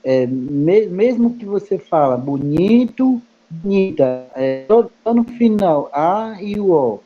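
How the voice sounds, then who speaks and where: Kayapó-native male guest, slow, halting, repeats himself, slightly raised pitch, muffled lo-fi sound. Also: very animated, soft background music. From Brazil. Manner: halting, repeats words with many fillers. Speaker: guest speaker. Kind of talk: explaining in a study group meeting. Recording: muffled lo-fi recording.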